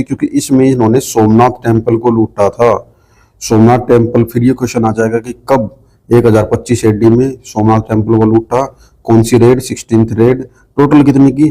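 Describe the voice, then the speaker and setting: Low, mellow-voiced male exam tutor. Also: rough recording. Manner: addresses students directly, asks and answers his own questions. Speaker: exam coaching teacher. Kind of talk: teaching from notes to students.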